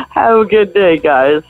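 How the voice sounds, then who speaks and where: A woman's voice: mid-range voice, wildly swooping pitch, takes it slowly, dry recording. A tipsy woman leaving a rambling, giggly voicemail over a landline phone. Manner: rambling, giggly, chuckles between sentences. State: tipsy from morning drinking. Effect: heard over a landline phone voicemail. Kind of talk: casual phone message. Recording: tinny dry phone line.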